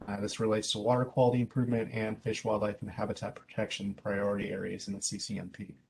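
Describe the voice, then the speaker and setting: A man's voice: fairly low pitch, completely flat delivery, fast, creaky, a little mellow, slight background noise, rough recording. A man chairing a meeting and introducing the next speaker, hesitant with fillers.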